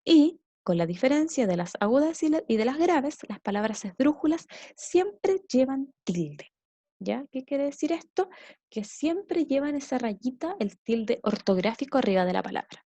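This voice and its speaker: A woman teacher with a Chilean Spanish accent explains a grammar lesson in a recorded classroom, checking understanding with short tag questions. Her voice is high, warm and very animated at normal speed, and the recording is dry.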